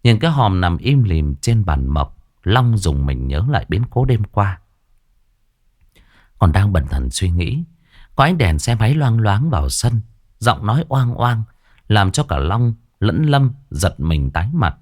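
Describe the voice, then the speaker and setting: Male storyteller, colloquial horror narration; low voice with lively pitch. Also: measured pace.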